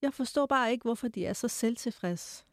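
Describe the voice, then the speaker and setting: A man's voice: very high voice, no room sound, studio quality, voice pushed up. A woman reading aloud as a haughty, condescending male suitor who lectures and scorns.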